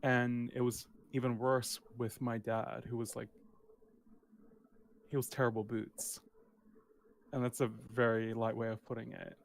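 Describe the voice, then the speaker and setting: A man's voice: medium pitch, level tone, a little slow, long pauses, slight background noise. A young man chatting candidly as a podcast co-host, often breaking off and restarting his sentences. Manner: candid, self-interrupting. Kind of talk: casual chat.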